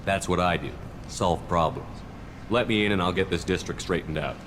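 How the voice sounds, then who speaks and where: An actor playing a confident, steady military commander in a video game, direct and resolute. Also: male voice, low-pitched, moderate pace, background noise, close to an everyday voice.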